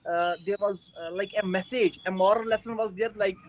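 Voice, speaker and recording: A man's voice: high voice, steady tone, lo-fi sound, slight background noise. A young man from Kashmir with a Kashmiri Indian accent, speaking hesitantly in an English practice conversation. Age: young adult. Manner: hesitant, halting. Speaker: English learner.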